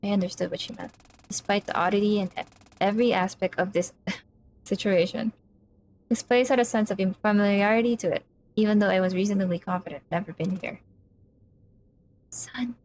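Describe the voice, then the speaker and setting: A woman streamer reads a game's story aloud into a desk microphone. Her voice sits at an ordinary middle pitch. She narrates with storytelling drama and acts out the characters' lines. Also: fairly even intonation, fairly quick, a little mellow, slight background noise, rough recording. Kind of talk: reading a visual novel aloud on a live stream.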